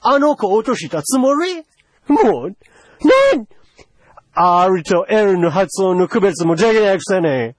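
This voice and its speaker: A man's voice: high-pitched, expressive, slow, no room sound, full character voice. A man playing a pushy, teasing older foreign envoy in a solo comedy sketch, wheedling in broken Japanese with English phrases.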